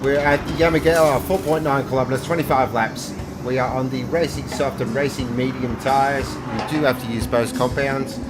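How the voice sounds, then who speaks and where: A man presenting a track guide for sim racing, explaining each part in a measured but enthusiastic way. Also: medium pitch, steady tone, over loud music.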